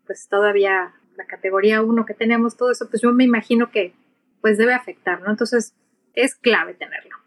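Higher-voiced Mexican woman, airline captain. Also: fairly even intonation. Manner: thoughtful, speaks in short halting phrases. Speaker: airline captain and aviation English instructor, guest. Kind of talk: casual interview conversation.

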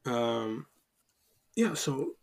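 A man in his thirties whose first language is not English, speaking as a guest on a casual podcast. He talks at a middling pitch, with frequent fillers and restarts as he works through his thoughts. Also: sing-song, very slow, vocal fry, a little mellow. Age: 30s.

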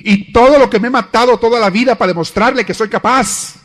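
A man's voice: mid-range voice, expressive, normal speed, mellow, lightly acted. A man voicing an adult husband grumbling to himself about feeling doubted.

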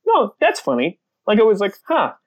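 A young man, a comedian, telling stories on a podcast in a casual, animated way, laughing and swearing freely. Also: sits high, moderate pace. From United States. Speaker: comedian guest.

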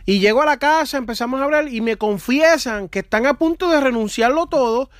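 A man's voice: very high-pitched, brisk, dry recording, clean studio sound. Earnest minister man telling a story. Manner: conversational, earnest, with fillers like "mano". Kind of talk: casual faith conversation, storytelling.

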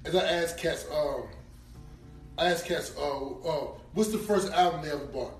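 A man's voice: on the high side, normal speed, echoey room, soft background music, poor audio. A man chatting casually as a podcast co-host, using slang and repeating short words. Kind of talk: casual chat.

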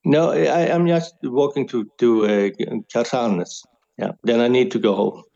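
Hesitant man, mellow voice. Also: medium pitch, gravelly, muffled recording. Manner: hesitant, searches for English words. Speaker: interviewee, pilgrim. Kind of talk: casual chat.

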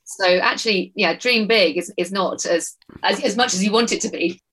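A woman on a podcast panel, chatting in an animated, giggly way. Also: medium pitch, normal speed, slightly rough, low-quality recording. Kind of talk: casual chat.

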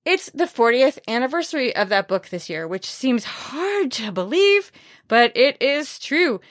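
On her podcast, a woman reviews books at a measured pace, her high voice taking on a sing-song lilt. She keeps the chat informal and slips in understated, wry comments.

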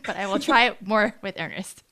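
With a medium-pitched, bright and forceful voice, a podcast host ends her casual interview by laughing, giggling and quickly thanking her guest in a friendly way.

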